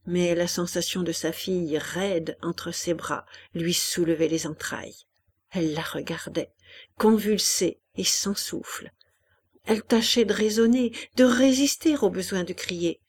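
A woman reading a novel aloud as an audiobook narrator, in a measured, hushed manner. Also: medium pitch, husky. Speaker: audiobook reader.

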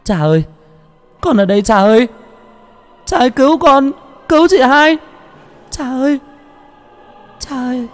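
A man's voice: extremely high pitch, animated, brisk, hardly any pauses, darkish tone, soft background music, voice pushed up. A man voicing a terrified youngest daughter, a small girl who stammers and sobs in a story read aloud. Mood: wailing. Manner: stammering, sobbing cries.

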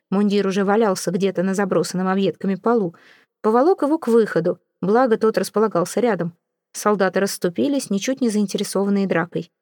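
A woman narrating an audiobook in a steady, even storytelling manner. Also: mid-range voice, no echo, clean studio sound.

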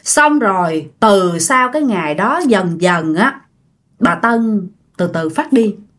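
A woman's voice: mid-range voice, lively intonation, slow. A woman narrating a ghost story and chatting directly to her listeners.

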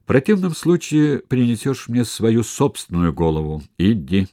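A man's voice: medium pitch, very animated, normal speed, warm tone, no room sound, studio quality, pitched above the performer's own voice, lightly acted. A man reading an audiobook, voicing a ruthless, commanding Roman dictator who growls his threats. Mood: cold menacing.

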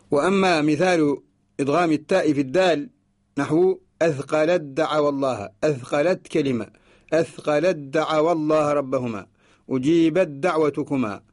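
A man from Mauritania giving a radio lesson, explaining slowly and repeating each example before chanting short verses. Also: on the high side, a little mellow. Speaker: teacher of Quran orthography. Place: radio studio.

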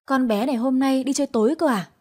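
A woman voicing nosy older neighbor women who gossip and pry, speaking higher and louder than her narration. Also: quick pace. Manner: gossiping, prying.

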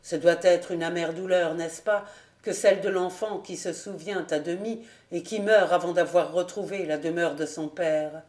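A woman reading aloud as a loyal, sorrowful old male squire, in a low, grave tone. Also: fairly even intonation, moderate pace, darkish tone, close to an everyday voice. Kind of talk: audiobook reading. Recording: roomy echo.

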